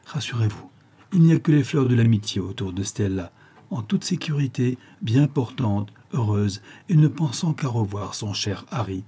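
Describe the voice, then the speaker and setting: A man reading the part of a calm, ironic police inspector who speaks in a measured, gently persuasive way. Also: medium pitch, breathy edge. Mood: reassuring.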